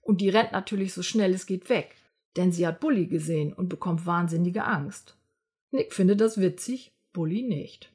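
A woman narrating a children's story aloud in a lively, expressive way. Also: on the low side, normal speed, breathy edge.

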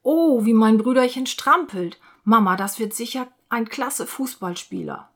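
An eager little boy mouse from a children's storybook, as a woman reads him aloud. He talks in a bright, excited, childlike way, sweet and lively. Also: on the high side, a little slow.

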